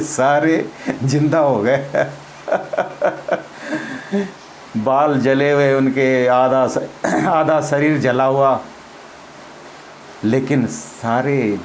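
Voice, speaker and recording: A man's voice: medium pitch, slight background noise, rough recording. A man, a former army officer, telling a personal story in a casual spoken way, acting out the dialogue and laughing as he goes. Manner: acts out quoted dialogue, laughs as he tells it.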